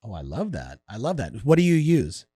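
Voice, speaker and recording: A man hosting a casual interview, enthusiastic and affirming, quick to interject with questions. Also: mid-range voice, wildly swooping pitch, dark tone, slightly rough, dry recording, studio quality. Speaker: interview host.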